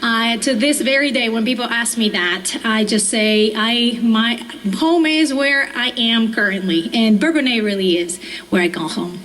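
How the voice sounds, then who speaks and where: A woman from Argentina, a former missionary, calmly introducing herself on a chapel panel. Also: on the high side, unhurried, slight background noise, low-quality recording. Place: university chapel.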